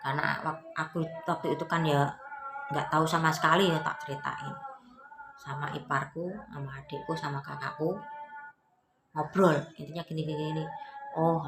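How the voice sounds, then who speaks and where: Animated woman storyteller. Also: low-pitched, moderate pace, pauses often, reverberant, noisy background. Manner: animated, acts out other people's lines. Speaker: vlogger.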